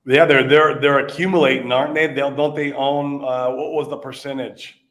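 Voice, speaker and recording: A man co-hosts a relaxed conversation, easygoing and laughing often. His voice is mid-pitched. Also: normal speed. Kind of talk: casual chat.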